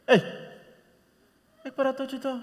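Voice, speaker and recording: A man's voice: very high-pitched, completely flat delivery, slow pace. A man playing a casual, placating young husband with a Surinamese Dutch accent in a live stage comedy. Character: young husband, easygoing and soothing. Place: large concert hall stage. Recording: long hall reverb, faint noise.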